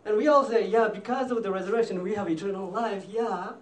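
A man's voice: high-pitched, unhurried. A man preaching a conversational sermon as pastor, talking casually and putting questions straight to the congregation in a church hall. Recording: echoey room, voice from a distance.

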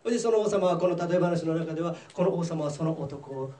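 A man preaching a sermon as pastor, telling a parable in a lively storytelling way. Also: a little high, a little fast, echoey room, far from the mic, slight background noise. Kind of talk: sermon with English interpretation.

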